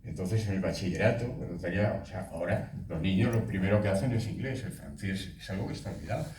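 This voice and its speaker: A man in his eighties, a voice actor telling stories at a festival talk in a relaxed way. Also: low voice, quick pace, background noise. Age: 80s. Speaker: voice actor guest. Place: festival hall. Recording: echoey hall, speaker far from mic.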